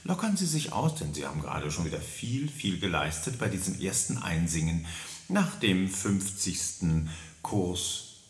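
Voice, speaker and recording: A man leading a singing warm-up lesson, coaching listeners and demonstrating syllables and vowels in a high falsetto. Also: big pitch swings, a little slow, reverberant. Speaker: singing teacher.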